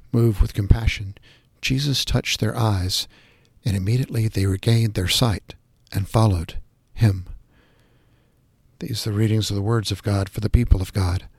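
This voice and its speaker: A man reading scripture passages and prayers aloud in a measured, reverent devotional style. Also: lowish voice, steady tone, vocal fry, slightly rough, no echo.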